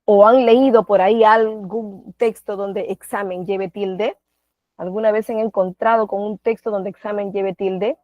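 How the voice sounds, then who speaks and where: A woman's voice: medium pitch, fairly even intonation, measured pace, dry recording. Peruvian lady teacher on a video call, patient, keeps checking in with the class, thin phone-like sound, dry. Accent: Peruvian Spanish. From Peru. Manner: patient, asks the class questions, frequent tag questions. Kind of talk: online class lecture.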